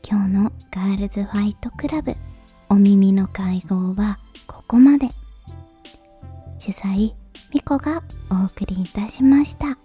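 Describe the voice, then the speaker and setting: A woman hosting a late-night podcast in a soft, breathy, whispery voice, speaking to listeners in extremely polite, formal phrasing. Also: medium pitch, a little slow, faint music behind. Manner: ultra-polite, formal honorific Japanese phrasing. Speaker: podcast host.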